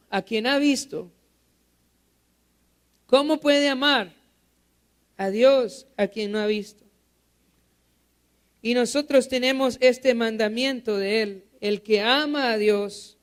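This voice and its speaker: A man delivers a church sermon in a strikingly high voice. He keeps asking his listeners questions and then answers them himself. He drives his points home by repeating them. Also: clear, resonant tone. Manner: asks the congregation rhetorical questions and repeats key phrases. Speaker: pastor.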